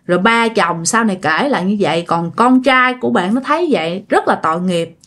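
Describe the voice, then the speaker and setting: A woman's voice: mid-range voice, animated, a little fast, a bit bright. A woman casually narrating a ghost story and talking straight to her listeners. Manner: chatty, addresses listeners directly.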